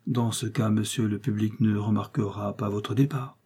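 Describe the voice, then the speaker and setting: A stern, cutting aristocrat, a count who fights duels for sport, read by a male narrator. He talks down to people in a cold, clipped way. The voice is mellow and a little husky. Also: lowish voice, fairly even intonation, normal speed. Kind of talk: audiobook character reading.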